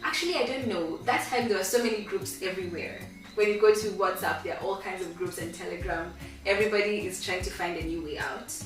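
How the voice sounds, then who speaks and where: A young Kenyan woman with a slightly low voice talks casually as a guest, candid and animated. The room rings with heavy echo and she sounds distant from the mic. Music plays clearly behind her. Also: fast talker, hardly any pauses. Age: 20s. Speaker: guest, medical student. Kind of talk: casual chat interview.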